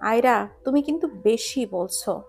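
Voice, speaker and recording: A woman reading a storybook romance aloud, voicing a hot-tempered young husband who scolds gruffly. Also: fairly high pitch, expressive, a little slow, darkish tone. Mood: angry.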